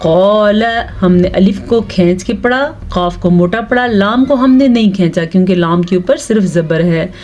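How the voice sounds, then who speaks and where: A woman teaching Quran recitation step by step. She spells out letters and vowel marks syllable by syllable, and she chants the verses slowly. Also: on the low side, mellow. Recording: dull lo-fi recording.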